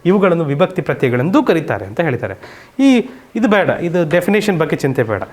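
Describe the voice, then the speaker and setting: A male teacher leads a classroom grammar lesson. His voice sits a bit high for a man, and he keeps quizzing the children and repeating each point patiently. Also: very animated, brisk.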